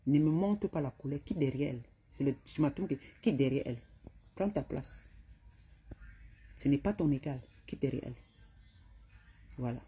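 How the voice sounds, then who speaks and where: A woman's voice: low-pitched, normal speed, long pauses, warm tone, breathy edge. A middle-aged woman with a Cameroonian French accent, scolding and insulting someone in a heated rant to camera. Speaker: vlogger.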